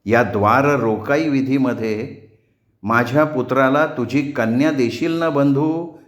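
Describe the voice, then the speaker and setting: A man's voice: mid-range voice, a little slow, close to an everyday voice. A man voicing a playful royal sister-in-law who bargains teasingly, in a storybook reading. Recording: roomy echo.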